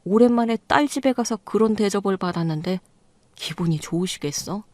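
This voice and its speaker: A woman's voice: mid-range voice, a little fast, a little mellow, no room sound, natural voice. A woman doing a curt, mocking younger brother. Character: blunt, sarcastic younger brother. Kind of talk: storytelling radio reading.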